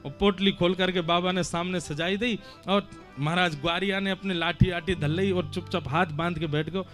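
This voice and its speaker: A man's voice: sits high, fairly even intonation, normal speed, fairly bright tone. A man tells a devotional story in an emotive, sing-song manner. Faint instrumental music plays behind him. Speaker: katha storyteller.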